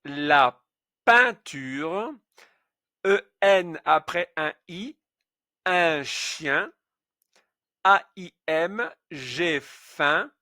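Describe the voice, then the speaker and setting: Male teacher, slightly high voice, very slow and careful, spelling out letters and example words. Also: bright, forceful tone, no echo, clean studio sound. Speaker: French pronunciation teacher. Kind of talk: slow pronunciation lesson.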